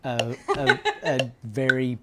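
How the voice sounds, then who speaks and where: A man's voice: medium pitch, fairly even intonation, slow, very noisy. A man, a game's executive producer, answering interview questions casually and hesitantly, often restarting his phrases.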